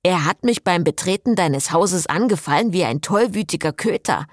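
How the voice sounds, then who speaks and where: A woman voicing a tired, grumpy male vampire with a gruff, mocking manner. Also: fairly low pitch, lively intonation, normal speed, dry recording, clean studio sound.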